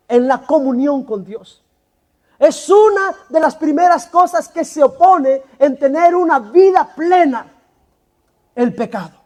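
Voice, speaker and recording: A man preaching a sermon in a church, pressing the congregation with rhetorical questions and forceful emphasis. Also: very high-pitched. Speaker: pastor.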